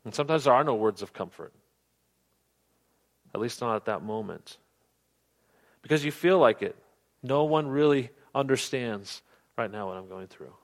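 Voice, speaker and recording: A man preaching a sermon, earnest, often dropping to soft, low tones for emphasis. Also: lively intonation, normal speed, pauses often. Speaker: pastor.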